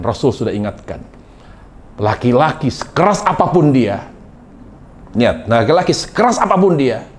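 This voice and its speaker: Brief: male Islamic preacher, sermon, mid-pitched and very lively in intonation, bursts of emphasis. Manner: animated, often jumping sharply higher in pitch and volume for emphasis.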